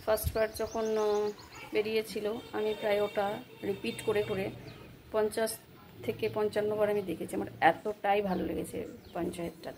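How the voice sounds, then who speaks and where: A Bengali-accented mother in her thirties talks her way through a home kitchen vlog. She rambles easily and coaxes her child along. A little steady hiss sits under the phone recording. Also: mid-range voice. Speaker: vlogger, mother. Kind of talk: casual home vlog chat.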